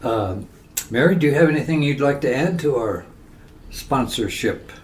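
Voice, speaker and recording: A man hosting a casual interview chat, talking in a halting, rambling way. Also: mid-range voice, animated. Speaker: podcast host.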